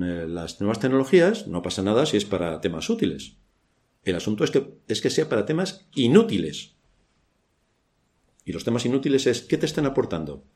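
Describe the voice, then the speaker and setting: Lively Spanish preacher from Spain. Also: male voice, fairly low pitch. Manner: rhetorical questions with dry ironic asides. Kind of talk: church sermon. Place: church.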